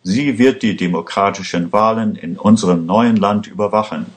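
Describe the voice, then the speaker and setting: A man's voice: on the low side, moderate pace, close to an everyday voice. A man doing a defiant rebel leader. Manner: declamatory, defiant. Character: defiant male rebel leader giving speeches.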